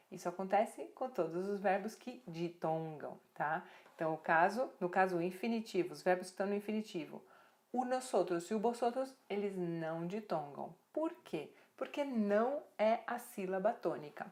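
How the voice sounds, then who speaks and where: A woman explains Spanish verbs as a teacher. She reads the verb forms out slowly and checks in with her learners often. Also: mid-range voice. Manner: lively, repeats verb forms slowly, many tag questions.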